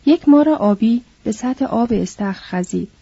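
Brief: audiobook narrator woman, measured reading, somewhat high, husky, dull lo-fi recording. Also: expressive, mellow, no echo. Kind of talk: novel reading.

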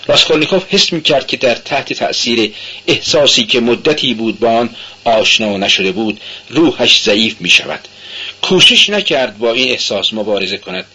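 Male reader, forceful and husky, intense dramatic narration from an old radio recording. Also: mid-range voice, expressive, highs cut off. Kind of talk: dramatic literary reading.

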